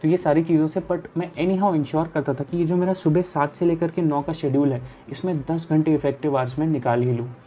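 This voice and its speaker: A young man from India talks through his study routine in a casual vlog. His voice is mellow and soft-edged, and his manner is easygoing and explanatory. He speaks straight to the viewer. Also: fairly high pitch, steady tone, brisk, few pauses, a little hiss or hum. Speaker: chartered accountancy student and study vlogger.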